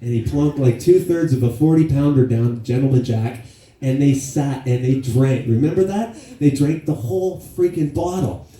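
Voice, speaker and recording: A man's voice: mid-range voice, moderate pace, mellow, far from the mic. Man in his fifties, echoey hall eulogy. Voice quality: plainspoken, casual with swearing. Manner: storytelling with laughs and acted quotes. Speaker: son giving a eulogy. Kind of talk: eulogy speech. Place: memorial gathering in a hall.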